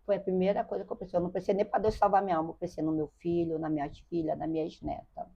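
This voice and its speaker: A woman's voice: fairly low pitch, flat delivery, rapid-fire, gravelly, warm tone. An older woman with a Brazilian Portuguese accent, a guest telling a personal story earnestly, repeating phrases and addressing the host by name. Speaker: interview guest. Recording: dull lo-fi sound.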